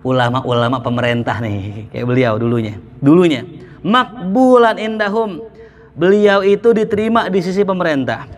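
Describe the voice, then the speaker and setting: A male Islamic preacher, giving a lively sermon full of jokes and anecdotes. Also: medium pitch. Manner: lively, joking, mimics market sellers.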